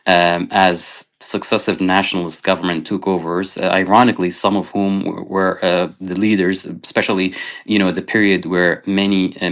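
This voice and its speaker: A man from northern Syria answers an interviewer's questions with a very deep, low-pitched voice. He talks at length but hesitates constantly, filling gaps with "um" and "uh" and restarting his phrases. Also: a bit bright. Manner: hesitant, many fillers and restarts. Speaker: journalist and researcher guest.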